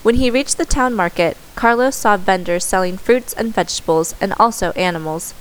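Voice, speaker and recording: Woman reading a kids story aloud, smooth clear voice, steady pace, fixes a word here and there. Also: medium pitch, moderate pace, low-quality recording. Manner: steady reading with small self-corrections. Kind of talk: scripted narration.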